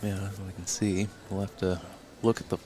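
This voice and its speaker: A man giving live color commentary on a pool tournament, analytical and measured, sometimes trailing off mid-thought. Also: deep voice, flat delivery, noisy background.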